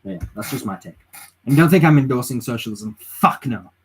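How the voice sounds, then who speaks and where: This man's voice is mid-range, animated and fairly quick, with a noisy background. Tired and streaming late at night from home, he rambles through casual political talk in his native English, reads the chat out loud, and keeps restarting and filling gaps.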